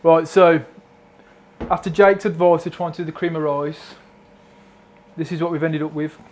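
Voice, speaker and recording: Man, fitness coach, casual vlog chat, slightly high voice, faint background hiss. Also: steady tone, moderate pace.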